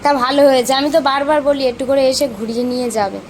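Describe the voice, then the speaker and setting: A woman's voice: high-pitched, rapid-fire, a little hiss or hum. A young woman chatting casually to her viewers while filming her family home and garden. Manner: chatty, talks straight to viewers. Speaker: vlogger.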